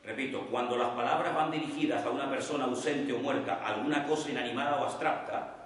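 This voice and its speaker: A man from teaching a Bible study class as pastor, speaking slowly and repeating key terms so his students can note them down. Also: medium pitch, fairly even intonation, fairly bright tone. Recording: echoey hall, voice from far off the mic.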